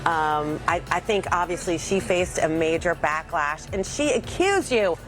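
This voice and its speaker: A woman TV host doing a live interview in a bakery kitchen, with a brisk, upbeat presenter delivery. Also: lowish voice, lively intonation, faint music behind.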